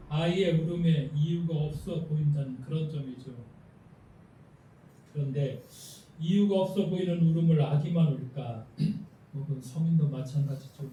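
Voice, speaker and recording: Male pastor, Sunday sermon, dark mellow voice, measured delivery, echoey church hall, distant mic. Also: fairly high pitch, a little hiss or hum. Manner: calm, measured preaching with soft read-aloud passages. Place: church sanctuary.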